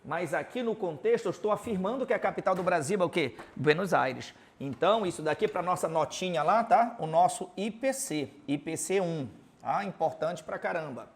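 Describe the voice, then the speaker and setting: This is a high-pitched male voice moving at normal speed with lively intonation. The speaker, a Belém native from Pará, Brazil, has a Paraense accent and is teaching Portuguese grammar, writing examples on a board, posing rhetorical question after rhetorical question and tagging his lines with "tá?".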